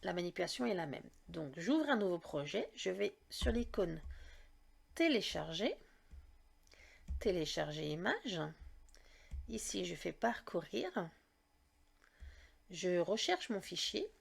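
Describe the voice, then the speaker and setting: A woman's voice: fairly low pitch, very animated, slow, vocal fry, pauses often, slightly rough. A woman hosting a casual step-by-step craft tutorial, chatty and explaining each click as she goes. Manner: chatty, leans on "donc" and "d'accord?".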